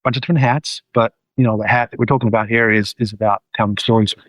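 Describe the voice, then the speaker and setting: A man's voice: lowish voice, fairly even intonation, rapid-fire, fairly bright tone, no room sound, poor audio. New man, dry close sound. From New Zealand. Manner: loose, searching delivery with many ums. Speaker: documentary filmmaker and guest. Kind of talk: casual interview conversation.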